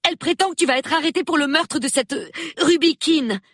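A man reading an audiobook, voicing a shrill, frantic young woman who talks high and breathless. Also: a little fast, a bit bright, no room sound, clean studio sound. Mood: agitated. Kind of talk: audiobook character voice.

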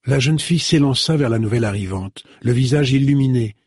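A man with a husky voice reading a novel aloud in measured storytelling narration. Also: mid-range voice, darkish tone, dry recording, studio quality. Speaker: audiobook narrator. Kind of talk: scripted narration.

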